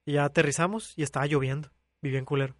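Man, Mexican accent, young adult, storytelling, laughs often, slightly high voice, dry sound. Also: fairly even intonation, very fast, no room sound. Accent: Mexican Spanish. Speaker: podcast co-host. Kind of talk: casual chat among friends.

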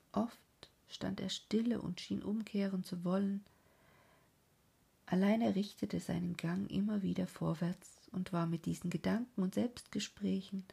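Husky, whispery woman reading a classic. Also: medium pitch. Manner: soft, often sinks into a breathy whisper; slow, earnest, dramatic phrasing. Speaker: audiobook narrator. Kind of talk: literary reading of a classic novel.

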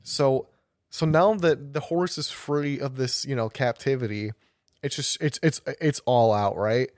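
A man's voice: medium pitch, a little slow, darkish tone, dry recording, clean studio sound. A young man chatting casually as a podcast co-host, rambling through a story with restarts and bursts of laughter. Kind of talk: casual chat.

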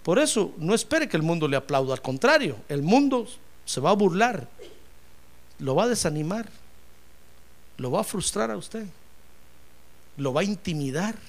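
A man preaching a sermon as pastor, joking with listeners as brothers and swelling into loud cries of praise before dropping to quiet asides. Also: high-pitched, very animated, normal speed, pauses often. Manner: humorous, addresses listeners as brother.

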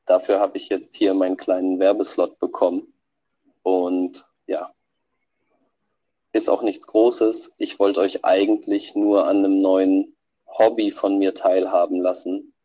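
A man with a cold and a nasal voice, heard as a low-quality audio file played back on a podcast, delivering a prepared message. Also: little pitch movement, a little slow, mellow. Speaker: podcast regular sending a birthday message. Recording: dull lo-fi playback.

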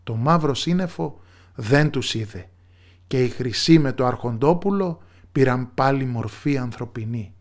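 A man narrating a fairy tale in a measured storyteller's manner, dropping low and soft in the quiet moments.

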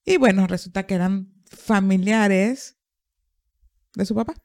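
A woman's voice: medium pitch, a little slow, a little mellow, no echo, clean studio sound. A woman, a therapist hosting a podcast, telling a story in conversation and acting out the quoted dialogue.

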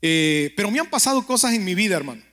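High-voiced man preaching a chatty sermon. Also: big pitch swings, quick pace, a bit bright. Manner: keeps asking the listener "¿verdad?"; speaks directly to the listener, telling stories. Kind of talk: conversational sermon with prayer.

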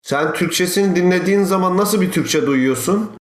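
A man's voice: high voice, normal speed. A man in a casual podcast chat who argues his point and explains at length. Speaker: podcast co-host. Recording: roomy with faint noise.

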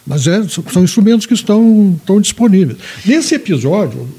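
A man speaks as a guest on a political talk show. His voice sits high for a man, with a soft, mellow tone and a husky grain. He argues emphatically and repeats words while he searches for the next one. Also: big pitch swings, brisk. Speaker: guest commentator.

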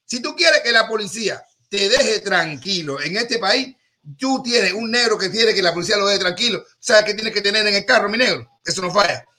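A man holds forth in a rambling, joking talk-show monologue. His voice sits high and rings very bright and forward. He stumbles, repeats himself and restarts, then drives the point home. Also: animated, fairly quick.

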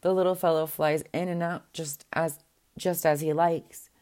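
A woman's voice: low-pitched, level tone, normal speed, a little mellow, close to an everyday voice. A woman voicing a group of spiteful young princess sisters with a sly, condescending manner.

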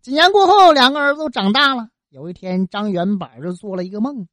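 A woman telling a folk tale in a colloquial, lively way, full of interjections and sound effects. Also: on the high side, brisk, dry recording, clean studio sound. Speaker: storyteller.

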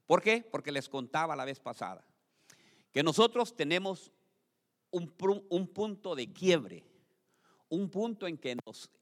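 A man preaching a sermon in a church, moving between loud exclamations and soft asides, and asking the congregation to repeat his phrases. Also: medium pitch. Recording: long hall reverb.

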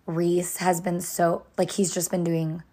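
A young woman co-hosting a podcast in casual chat, loud and chatty, her voice slightly hoarse from tiredness. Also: on the low side, flat delivery, a little slow. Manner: loud, chatty, lots of fillers. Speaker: podcast co-host.

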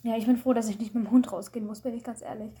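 A woman's voice: fairly high pitch, fairly even intonation, very fast, warm tone, husky. A woman, a student, chatting casually over a call and telling rambling, self-mocking stories with lots of fillers.

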